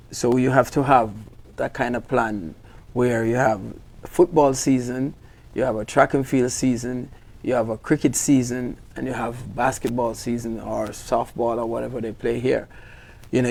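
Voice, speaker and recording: A man's voice: mid-range voice, vocal fry, darkish tone. A man with a Jamaican accent, a football coach guest on a radio sports show, who explains step by step and repeats words as he thinks. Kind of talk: radio interview.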